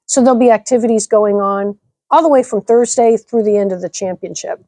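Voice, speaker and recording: A woman's voice: medium pitch, fairly quick, warm tone, no echo. A middle-aged woman from Nebraska, a nonprofit director, answering interview questions in an upbeat, articulate way. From Nebraska, United States. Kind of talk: interview conversation.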